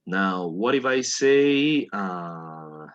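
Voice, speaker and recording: A man's voice: deep voice, lively intonation, very slow, fairly bright tone, clean tone, muffled recording. A man teaching a language class, patiently coaxing students through pronunciation drills and repeating words for them to copy. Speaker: English teacher.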